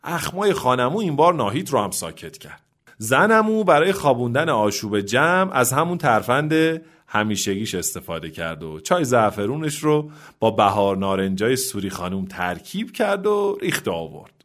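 A male host tells a humorous story in a relaxed, conversational way. His pitch sits in an ordinary middle range. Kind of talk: narrated storytelling.

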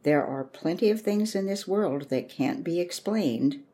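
Woman reading as a kind doctor dad, calm and gentle, low mellow voice. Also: unhurried. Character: kind thoughtful father, a country doctor.

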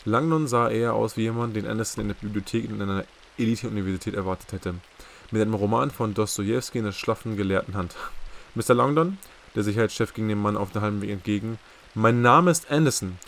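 Man, amateur audiobook narrator, low voice, measured; faint rain hiss behind. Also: steady tone, gravelly. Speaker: audiobook reader.

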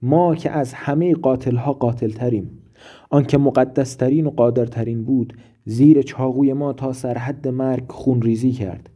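A man voicing a raving, ailing philosopher who declaims loudly and grandly. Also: medium pitch, fairly even intonation, muffled recording, lightly acted. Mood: declaiming.

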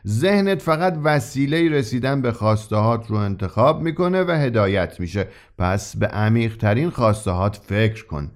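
A man's voice: on the low side, lightly acted. A man voicing a mysterious, grinning old shopkeeper who sells his wonders with eager, confiding persuasion in a read-aloud story. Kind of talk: audiobook character reading.

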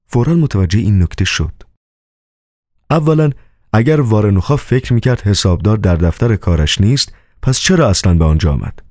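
A man reading an audiobook novel with calm, measured storytelling. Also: sits low, dry recording, studio quality. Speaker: audiobook narrator. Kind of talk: scripted narration.

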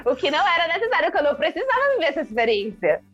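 A young adult Brazilian woman telling a story in casual chat, acting out quotes with big jumps in pitch. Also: very animated, very fast, a bit bright, highs cut off, faint music behind. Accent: Brazilian Portuguese.

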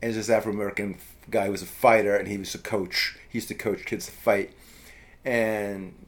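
A man's voice: lowish voice, flat delivery, normal speed. A middle-aged man telling a childhood story in a casual chat, rambling with lots of fillers and restarts. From US East Coast.

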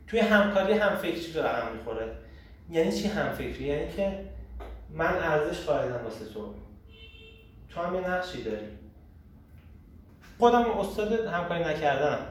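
Guy leading a group chat, pretty animated, kinda high voice, far from the mic, faint hiss behind. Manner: animated, emphatic, rhetorical questions. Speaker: host leading a group discussion. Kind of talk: casual group talk on personal growth. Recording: echoey room, far from the mic, faint noise.

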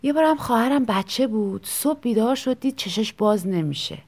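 A woman reading a short personal story aloud in a soft, tender, reflective way, sometimes sinking into a whisper. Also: on the high side, lively intonation. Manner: soft, intimate, drops into whispers. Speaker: story reader. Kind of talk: scripted storytelling narration.

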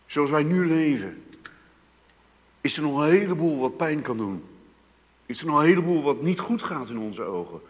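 A man preaching a sermon, moving from hushed, slow passages to loud, emphatic outbursts. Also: a little high, lively intonation. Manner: dramatic swings between hushed and loud emphasis. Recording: long reverb of a church hall.

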